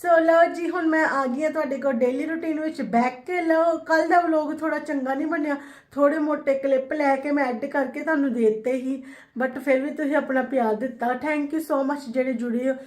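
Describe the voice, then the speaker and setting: A woman vlogs about her everyday routine, chatting casually to viewers with a Punjabi accent and switching into English phrases now and then. Her voice sits high and steady, and she speaks a little fast.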